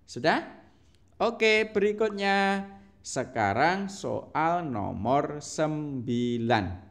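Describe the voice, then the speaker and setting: A young man reads quiz questions aloud to a class at a very slow, deliberate pace. His voice sits a little high for a man, and he lets each option hang with a rising, questioning lilt. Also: lively intonation. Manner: slow, patient, drawn-out reading with rising question tones. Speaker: teacher. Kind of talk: reading quiz questions to pupils.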